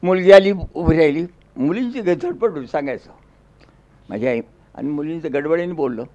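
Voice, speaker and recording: A man's voice: a little high, normal speed, darkish tone, highs cut off. A man giving a folksy storytelling speech, acting out dialogue in a rural dialect. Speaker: public speaker.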